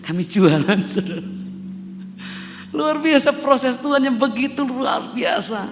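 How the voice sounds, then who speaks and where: A faint instrument and soft background music accompany a middle-aged pastor from Java, Indonesia, whose very high-pitched, sing-song voice moves at a measured pace. He preaches to a congregation in a church hall, calling out to them again and again and rising to emphatic peaks, all under long church reverb.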